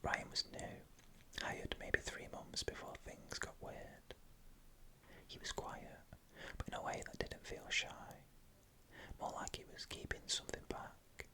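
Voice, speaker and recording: A person whispering scary first-person stories in a hushed, unvoiced ASMR narration from start to finish. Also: slow. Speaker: storyteller.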